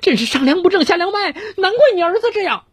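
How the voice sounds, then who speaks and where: A man voicing an upset young woman shop clerk, tearful and indignant, in a shrill pleading falsetto. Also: lively intonation, quick pace, fairly bright tone, dry recording, clean studio sound.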